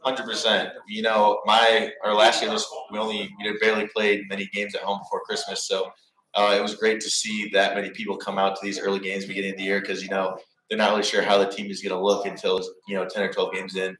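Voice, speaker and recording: Young male athlete guest, deep monotone, low-key, roomy bar sound. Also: fast talker. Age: young adult. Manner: low-key, steady, polite. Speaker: college basketball player guest. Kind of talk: sports radio interview. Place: sports bar, indoors. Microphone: table mic.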